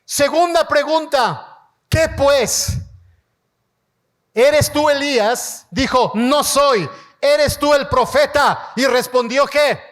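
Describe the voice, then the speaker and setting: Male pastor, sermon, call-and-response, emphatic shouts, very high-pitched, drawn-out phrasing. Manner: preaching with call-and-response, urging the congregation to shout; slow, emphatic delivery, rising to shouts. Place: church hall before a congregation.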